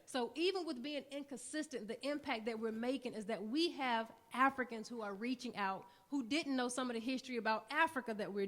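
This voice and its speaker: A woman's voice: on the high side, a bit bright. Earnest woman speaking on a panel. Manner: earnest, building to rousing repeated lines. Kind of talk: panel talk at a summit. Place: conference room with an audience.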